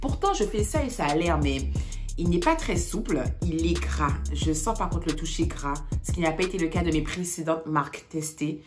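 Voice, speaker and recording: Brief: woman hair vlogger, low voice, chatty and exclamatory, music underneath. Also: animated, moderate pace. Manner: chatty, addresses viewers as sweeties, exclaims. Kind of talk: casual product review. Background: background music.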